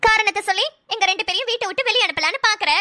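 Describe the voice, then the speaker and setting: A defensive young mother from a family cartoon who snaps back at every remark, as a woman voices her. The voice is very high and bright, and she argues quickly and sharply. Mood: argumentative. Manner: snappy, argumentative. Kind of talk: cartoon voice acting.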